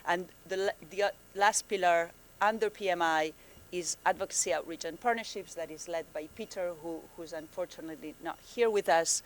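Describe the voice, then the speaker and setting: Woman presenting at a conference. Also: fairly low pitch. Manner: friendly, halting with many fillers and restarts. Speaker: program manager presenting at a forum. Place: conference room.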